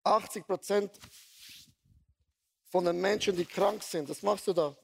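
A man preaches a sermon with a high voice. He talks in a lively storytelling manner, blunt and earthy. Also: unhurried, vocal fry. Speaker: pastor.

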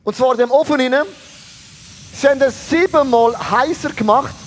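Pastor guy, middle-aged, really high voice, punchy sermon, throws in english words. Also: normal speed, slight background noise. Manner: energetic, mixes English phrases into German.

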